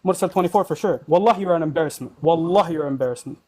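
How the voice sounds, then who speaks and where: A man's voice: fairly high pitch, racing, a little mellow. A man in a heated online debate, combative and taunting, insulting his opponent as he argues.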